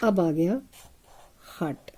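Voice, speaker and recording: A woman's voice: fairly low pitch, animated, very slow, warm tone. A woman teaching English phonics to children, spelling words letter by letter and sounding them out. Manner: addresses pupils as children, asking questions. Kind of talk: slow phonics lesson for children.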